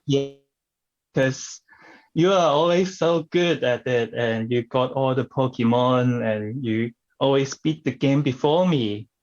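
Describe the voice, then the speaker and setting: A man performing improvised comedy scenes, speaking haltingly as he searches for his words. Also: mid-range voice, a little mellow, highs cut off.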